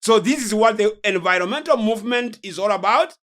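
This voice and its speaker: Animated and brisk, this mid-range, slightly bright voice belongs to a preacher and host of a religious teaching series. He delivers a solemn, emphatic, sermon-style lecture on prophecy, driving points home by repeating phrases.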